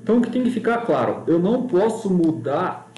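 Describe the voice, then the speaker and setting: A man's voice: sits high, very animated, fairly quick, dark tone. A man teaching an online music lesson, patiently explaining note values step by step and chanting rhythm syllables to demonstrate. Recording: echoey room.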